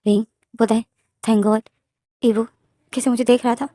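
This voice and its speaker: A woman's voice: a little high, little pitch movement, normal speed, mellow, dry recording, studio quality. A woman with a Hindi accent retelling a fanfiction story in casual narration, reading out the characters' lines herself.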